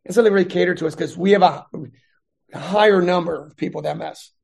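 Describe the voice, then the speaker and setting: Gravelly high-voiced man telling stories. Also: quick pace. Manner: rambling, animated retelling with voiced quotes. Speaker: guest, veteran and math adjunct instructor. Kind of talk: casual storytelling interview.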